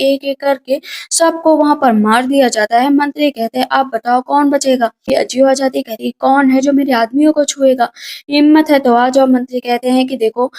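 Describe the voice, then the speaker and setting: A woman with a high voice narrates a drama recap in a brisk, conversational way. She keeps the story moving and drops in filler phrases as she retells each scene. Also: darkish tone.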